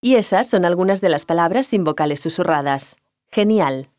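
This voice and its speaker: A woman giving a scripted language lesson, explaining pronunciation clearly and calmly. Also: fairly low pitch, moderate pace, no echo, studio quality. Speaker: language teacher.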